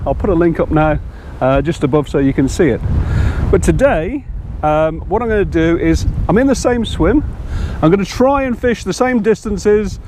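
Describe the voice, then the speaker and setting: A man's voice: high voice, darkish tone, a little hiss or hum. An older man chatting casually to camera while fishing outdoors, rambling and self-deprecating. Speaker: angling vlogger. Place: outdoors by a fishing lake in strong wind.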